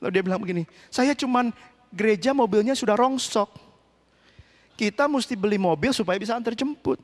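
A man preaching a sermon as pastor, with sudden shouted lines and English phrases mixed in. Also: high voice, fairly quick. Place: church hall. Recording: long church hall reverb.

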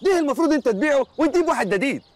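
A man's voice: very high-pitched, lively intonation, rapid-fire, dry recording. An actor with an Egyptian accent playing a cheeky young man who mocks his friend with jokes and puns in a TV sitcom. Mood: mocking. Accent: Egyptian Arabic. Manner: mocking, jokey. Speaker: sitcom character. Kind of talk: TV sitcom acting.

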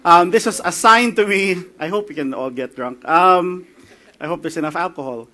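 A man's voice: sits high, normal speed, sharp tone. A man with a Filipino accent giving a joking, chatty conference talk and slipping in Tagalog phrases. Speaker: conference speaker. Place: conference hall.

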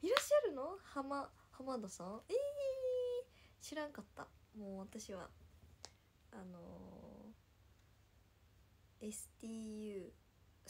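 High-voiced bubbly young woman from Nagasaki. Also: gravelly, darkish tone, slight background noise. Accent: Nagasaki dialect. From Nagasaki, Japan. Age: 20s. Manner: bubbly, chatty, often laughing. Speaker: livestreamer. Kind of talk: casual livestream chat with viewers.

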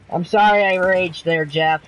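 Man, high voice, swearing, frustrated gamer, headset chat. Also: a bit bright, muffled recording. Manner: profane, frustrated ranting. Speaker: gamer streaming co-op play. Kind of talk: casual gaming chat.

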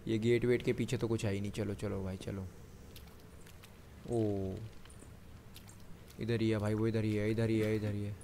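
A man's voice: fairly low pitch, flat delivery, unhurried, long pauses, noisy background. A man giving running commentary on a horror game, chatting to himself and the viewer and breaking into panicky bursts when the enemy shows up. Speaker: gamer.

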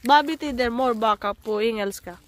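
A Filipina vlogger whose first language is Tagalog chats casually outdoors at a rural estate for her travel vlog, though she's feeling sick. Her voice is a little high and brisk, and she switches between English, Tagalog and Swedish while searching for words.

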